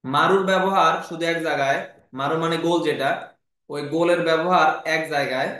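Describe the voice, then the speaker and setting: A man teaching a language lesson, patiently repeating each syllable slowly and clearly. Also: a little high, fairly bright tone. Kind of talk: classroom lesson explaining Japanese script. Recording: very echoey room.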